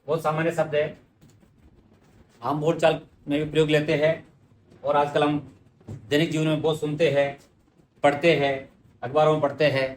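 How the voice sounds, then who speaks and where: A man's voice: on the high side, reverberant, slight background noise. A man teaching spelling for exams, patiently repeating words and answering his own questions. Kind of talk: exam-prep lesson.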